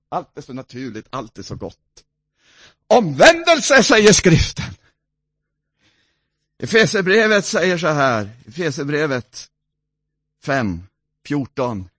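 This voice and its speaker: A man preaching a sermon, swinging between soft, low passages and loud, ringing exclamations. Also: lively intonation, breathy edge, dry recording.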